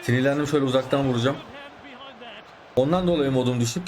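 A man's voice: medium pitch, quick pace, darkish tone. A man with a sore throat, commentating his own soccer gameplay and getting frustrated and swearing at the opponent and the game. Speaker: gaming YouTuber.

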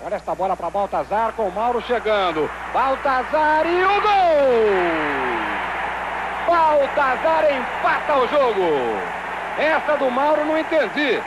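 A man's voice: very high voice, big pitch swings, moderate pace. A man with a Brazilian accent giving live football play-by-play with explosive goal calls, as a commentator on an old TV broadcast. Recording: old TV broadcast, loud stadium noise. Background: loud stadium crowd.

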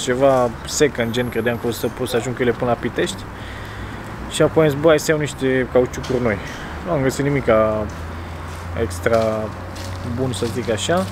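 A man's voice: mid-range voice, noisy background. A man in his thirties from Romania, vlogging to a camera held at arm's length, chatty and rambling with restarts as he talks to viewers. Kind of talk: casual car vlog to camera. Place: outdoors by garages, car and restaurant. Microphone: phone or camera held at arm's length.

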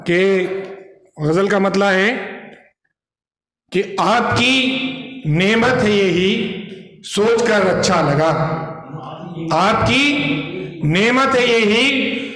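A young man on a small stage reciting ghazal couplets into a stand mic, repeating each line slowly for effect. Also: high-pitched, fairly bright tone. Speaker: poet performing ghazals. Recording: echoey hall, audience crowd.

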